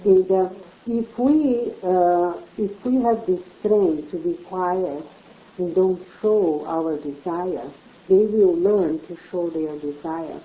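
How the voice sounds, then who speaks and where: A woman's voice: lowish voice, slow pace, slight background noise. A woman talks over a casual chat in an echoey room. She explains earnestly and circles back with repeated phrases. The sound is dull and lo-fi. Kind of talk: casual conversation.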